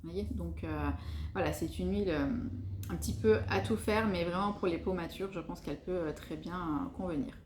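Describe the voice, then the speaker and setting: A woman's voice: lowish voice, normal speed, noisy background. A woman chatting casually through a beauty product review, full of hesitations and enthusiasm. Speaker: beauty vlogger. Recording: echoey room.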